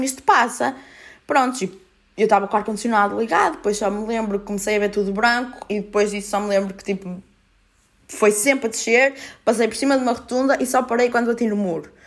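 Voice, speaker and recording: A young woman in her twenties speaks with a European Portuguese accent. She talks fast and informally, packing her story with fillers and frequent swearing. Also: fairly high pitch. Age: 20s. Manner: rapid, filler-heavy, swears freely. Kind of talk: casual personal storytelling.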